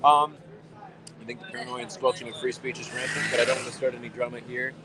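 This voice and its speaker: A man's voice: medium pitch, little pitch movement, fast. A man live-streaming outdoors, answering his chat in a casual, hesitant way and often rephrasing himself. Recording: crowd noise behind. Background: crowd chatter.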